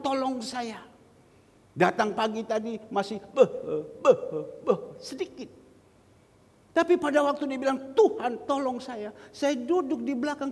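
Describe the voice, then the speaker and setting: A male pastor with a very high voice delivers a sermon in a church hall. His voice carries a long reverb from the room around him. He talks straight to the congregation and slows right down whenever he quotes scripture. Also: darkish tone, husky. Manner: addresses the congregation directly, quotes scripture slowly.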